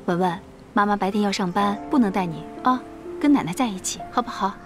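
An actress playing a patient young mother who talks gently and soothingly to her small child in a TV drama. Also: mid-range voice, brisk, over music, natural voice. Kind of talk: TV drama acting.

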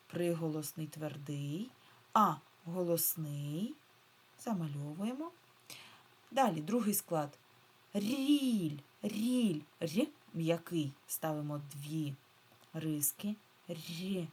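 A woman teacher giving a remote reading lesson to first graders, patiently repeating key words and stretching them out slowly, syllable by syllable. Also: deep voice, darkish tone, husky. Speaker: primary school teacher.

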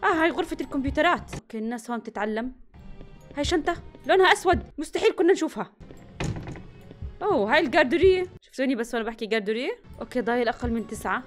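A woman with a Levantine Arabic accent hosting a let's play, talking through the game excitedly and breaking into panicky bursts of repeated words. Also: high-pitched, very fast, faint music behind. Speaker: gaming channel host.

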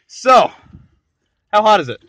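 A man's voice: high voice, a bit bright, a little hiss or hum. Giggling man teasing a friend. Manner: laughing and teasing. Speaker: channel host filming the challenge. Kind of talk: casual chat.

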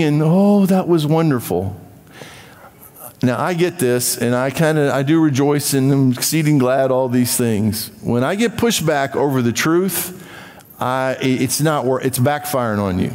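A man preaching a church sermon as pastor, emphatic and animated, with offhand asides. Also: medium pitch, moderate pace, big-room sound. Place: church sanctuary.

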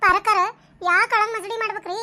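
High squeaky bickering village ladies from a cartoon, all done by one woman, north karnataka accent, rattling off lines fast. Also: fairly even intonation, pushed and bright, heavily acted. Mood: bantering. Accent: North Karnataka Kannada. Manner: quick, shrill, bantering dialect chatter. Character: bickering village women, a landlady and her helpers. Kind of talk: cartoon voice acting.

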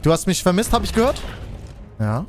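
A man giving excited, exclamatory commentary while playing a game, talking aloud to his creatures. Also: high voice, a little fast, a little hiss or hum. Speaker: let's play host.

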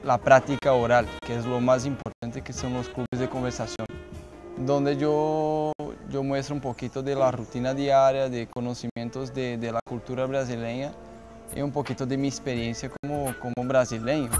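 A man's voice: mid-range voice, music in the background. Young Brazilian man, easygoing self-correcting talk. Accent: Brazilian Portuguese. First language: Portuguese. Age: 20s. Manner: relaxed, chatty, with quick self-corrections. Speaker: exchange student and Portuguese teaching assistant. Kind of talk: interview answers.

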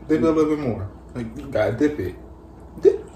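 A man's voice: medium pitch, lively intonation, fairly quick, warm tone. A man co-hosting a casual mukbang vlog, coaxing and playful as he gives instructions. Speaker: vlogger co-host. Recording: echoey room with faint noise.

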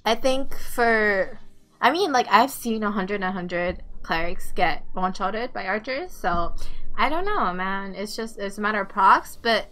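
Excitable woman streamer with bright, lively voice. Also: mid-range voice, a little slow, faint music behind. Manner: excitable, swears and laughs often. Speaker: game streamer. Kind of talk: live gameplay commentary. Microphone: headset with headphones.

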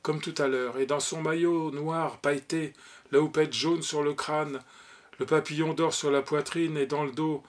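A man reading a short story aloud as an audiobook, expressive, giving the characters' lines their own voices. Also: fairly high pitch, normal speed. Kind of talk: audiobook narration.

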